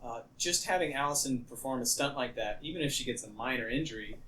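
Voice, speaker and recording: A man with an everyday mid-range voice co-hosts a casual podcast. He delivers dry, deadpan remarks and talks through scenes in an easy, conversational way. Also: mid-range voice, fast talker, slight background noise. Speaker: podcast co-host. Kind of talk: casual chat.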